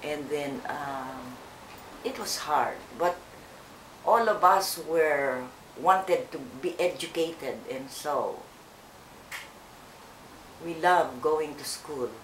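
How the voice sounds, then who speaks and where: An older woman speaks slowly and haltingly, pausing often and starting her sentences over. Her voice sits a little low. The room is echoey, with faint noise underneath. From Philippines. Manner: slow, hesitant, with many fillers and restarts. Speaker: interviewee. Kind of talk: oral history interview.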